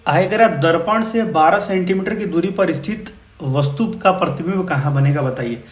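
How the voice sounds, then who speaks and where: A man's voice: a little high, moderate pace. A man with a Bihari accent teaching physics numericals in a casual, encouraging way, often calling his students brother. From India. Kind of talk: explaining exam problems.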